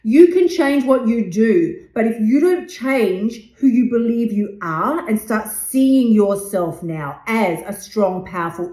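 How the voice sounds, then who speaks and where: A woman's voice: medium pitch, dark tone. A woman in her fifties hosting a motivational podcast, talking bluntly and emphatically and swearing freely. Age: 50s. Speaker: podcast host and weight loss coach. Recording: roomy echo.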